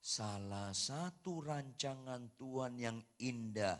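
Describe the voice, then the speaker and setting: A middle-aged man preaching a sermon as a pastor, dropping to hushed asides and then shouting for emphasis. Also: mid-range voice, takes it slowly.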